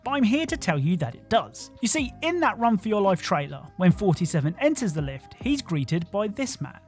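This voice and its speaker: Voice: medium pitch, very animated, normal speed, faint music behind. A host narrating a scripted video game countdown with wry, joking asides.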